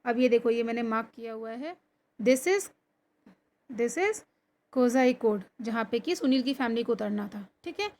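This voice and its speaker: A woman teaching an online class, reading lines from a textbook slowly and then explaining them in Hindi, with questions to her students and frequent "theek hai" check-ins. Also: on the high side, expressive, a little mellow. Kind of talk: recorded online lesson explaining a textbook chapter. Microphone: computer or phone screen recording.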